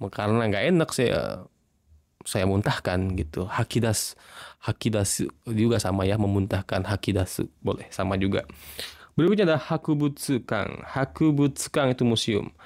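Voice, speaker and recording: A man's voice: lowish voice, darkish tone, dry recording, clean studio sound. Chatty male tutor. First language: Indonesian. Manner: chatty, repeats example sentences, addresses viewers as minasan. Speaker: Japanese language teacher. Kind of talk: casual vocabulary lesson.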